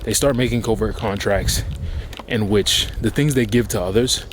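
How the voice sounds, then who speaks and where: Male vlogger, lowish voice, reflective casual advice delivered while walking outside, with clear city and traffic noise. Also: normal speed. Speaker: vlogger giving life advice. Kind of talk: casual reflective talk to camera. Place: outdoors on a walk. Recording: outdoor city ambience, clear background noise. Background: outdoor urban noise, vehicles.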